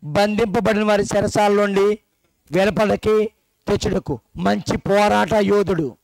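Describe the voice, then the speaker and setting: A man with a fairly high voice delivers a sermon at a church gathering. He keeps throwing questions at his listeners and teases them along the way. The recording is dry and close, with little room sound. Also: steady tone, a little slow, gravelly, darkish tone, no room sound. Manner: questions the congregation directly and teasingly. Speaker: preacher. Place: church meeting hall.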